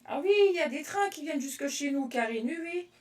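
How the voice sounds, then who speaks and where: A woman from France demonstrating card-making on a live stream, chatting with viewers by name between steps in a relaxed way. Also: sits high, fast talker. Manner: chatty and relaxed, answers live comments by name, laughs often. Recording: roomy echo, voice from a distance.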